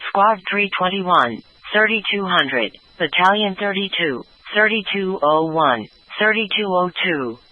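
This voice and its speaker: A woman's voice: medium pitch, expressive, a little slow, hardly any pauses, no echo, phone-quality sound. A woman working as a fire dispatcher, reading out a call-out in clipped list form over a two-way radio. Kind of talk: dispatch call-out of units and address. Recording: dry, band-limited dispatch radio.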